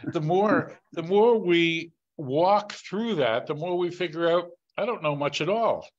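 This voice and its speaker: A man's voice: a little high, lively intonation, slow, highs cut off. A man joining a conversational Bible study over a video call, earnest and breaking into praise as he talks.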